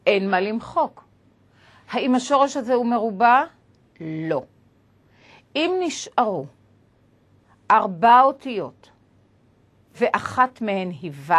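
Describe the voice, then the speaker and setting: A woman teaches a lesson with a slightly husky voice. Her pitch rises and falls a lot as she explains. She goes step by step and spells out letters one at a time.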